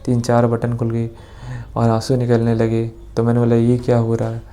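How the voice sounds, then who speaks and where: A man's voice: medium pitch, completely flat delivery, moderate pace, warm tone, a little hiss or hum. A young man casually telling a personal story, rambling with restarts and quoting dialogue. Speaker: vlogger.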